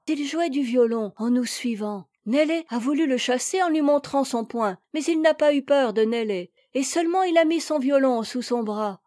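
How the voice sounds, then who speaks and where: A woman's voice: fairly high pitch, warm tone, dry recording, studio quality, natural voice. A woman reader voicing a kind, chattering little rich girl in a storybook.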